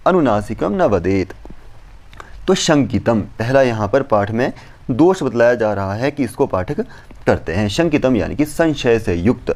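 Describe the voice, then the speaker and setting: A man giving a lesson, reciting verse lines slowly and then explaining each point step by step. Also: medium pitch, a little mellow. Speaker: Sanskrit teacher. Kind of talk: explanatory lecture.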